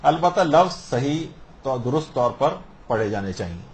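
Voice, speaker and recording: A man's voice: mid-range voice, expressive. A man with a Pakistani Urdu accent, a religious scholar teaching prayer rules by posing common questions and answering them. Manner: explains through questions and answers.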